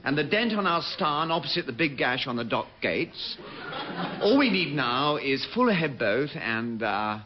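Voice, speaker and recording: An actor playing a posh, flustered navigating officer with an affected, dithering manner in a radio sitcom. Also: male voice, fairly high pitch, sing-song, moderate pace. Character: silly, posh, flustered young male naval navigating officer. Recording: very noisy dull old radio recording.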